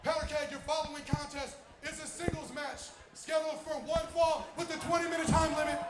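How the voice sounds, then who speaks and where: A man with a very high, projected voice announces wrestling in a booming, theatrical manner. He stretches out his phrases like a showman. The sound is echoey, with loud music around him. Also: flat delivery, fairly quick. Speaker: ring announcer. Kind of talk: live wrestling ring announcing, drawn-out and projected. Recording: echoey live venue, loud music, crowd.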